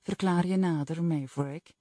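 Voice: medium pitch, fairly even intonation, normal speed, warm tone, no room sound, clean studio sound, natural voice. A woman reading the lines of a proud, firm mother in an audiobook. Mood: warm firm.

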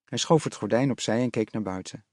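A man narrating an audiobook in a measured storytelling manner. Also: fairly low pitch, a little mellow, no room sound, clean studio sound.

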